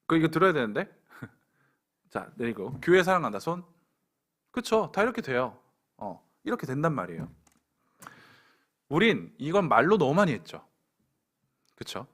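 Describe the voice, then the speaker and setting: A man's voice: fairly high pitch, sing-song, unhurried, pauses often, fairly bright tone. A young adult man preaching a sermon to a church young adults group, pointed and direct with playful asides. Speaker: pastor.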